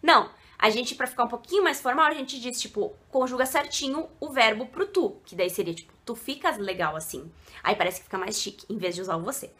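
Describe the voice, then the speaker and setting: A woman's voice: fairly high pitch, expressive, fast talker, hardly any pauses, sharp tone. A woman from Brazil, teaching in a casual, chatty video lesson full of asides. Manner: chatty and digressive, with frequent asides. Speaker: online Spanish teacher.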